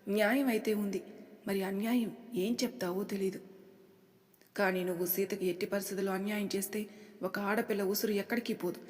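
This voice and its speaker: A woman voicing a calm, wise old grandmother who speaks gravely. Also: medium pitch, fairly quick, in a large hall, natural voice.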